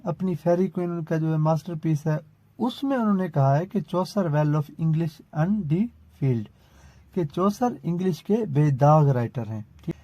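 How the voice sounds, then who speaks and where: A man giving an exam-prep literature lecture, explaining step by step and reading English lines slowly. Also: high voice, dark tone, no room sound. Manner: explains step by step, frequent "theek hai" check-ins, reads English lines slowly. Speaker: literature teacher. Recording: dull lo-fi sound.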